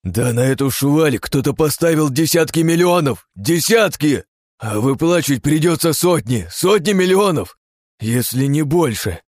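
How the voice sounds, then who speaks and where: A man's voice: fairly low pitch, normal speed, dry recording, studio quality, pitched above the performer's own voice, close to an everyday voice. Man voicing a screaming enraged aristocrat. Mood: furious. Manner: shouting, snarling, rude. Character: furious greedy middle-aged male aristocrat.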